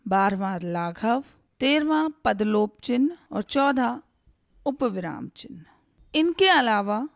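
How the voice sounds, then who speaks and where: A woman Hindi teacher giving a slow, deliberate grammar lesson, recorded close to the mic. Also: a little high, no room sound.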